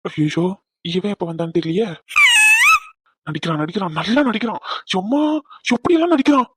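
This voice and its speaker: A man's voice: sits high, sing-song, a little fast, heavy background noise. A man voicing a young father in a cartoon comedy, ranting in comic exasperation at his baby son. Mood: grumbling.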